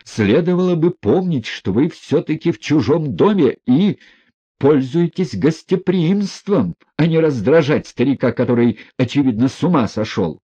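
A man voicing a bitter young man who snaps in shrill, seething outbursts. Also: lively intonation, normal speed, mellow, slightly rough, no echo, muffled recording. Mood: furious.

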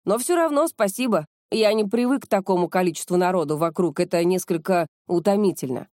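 A calm, modest young man, voiced by a woman reading an audiobook. He speaks in an understated, even way. The tone is dark and warm, and the recording is dry. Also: lowish voice, a little fast, no room sound, close to an everyday voice.

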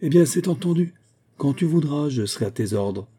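A man's voice: on the high side, animated, moderate pace, dark tone, slightly rough, pitched above the performer's own voice. A man voicing a jovial young male officer in a novel, hearty and teasing as he talks. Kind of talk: audiobook character reading.

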